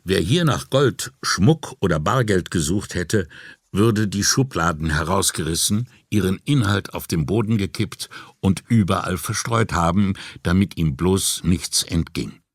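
A man narrating an audiobook crime story in a measured, calm reading voice. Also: low-pitched, slightly rough, no room sound, studio quality. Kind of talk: scripted narration.

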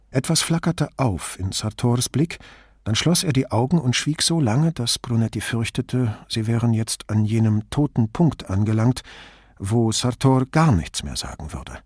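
A man narrating an audiobook in an even, measured reading. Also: mid-range voice, breathy edge, dry recording, studio quality. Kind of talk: scripted narration.

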